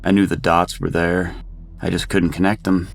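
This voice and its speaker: A man narrating a first-person horror tale with a very deep voice. There is a gravelly fry under his words, and he tells it steadily and grimly. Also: level tone, moderate pace, slight background noise.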